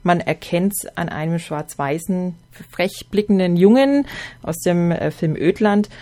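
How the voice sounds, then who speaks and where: A woman's voice: lowish voice, unhurried, mellow. A woman speaking informally as an event organizer in an interview, explaining practical details. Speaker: film festival organizer being interviewed.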